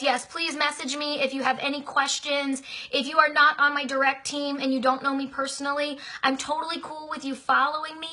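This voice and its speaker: Chatty high-voiced woman giving a pep talk. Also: sharp tone. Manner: chatty and effusive, talks at length; affectionate, repeats phrases. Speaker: team leader speaking to her business team. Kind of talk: motivational live-stream talk, answering viewer comments.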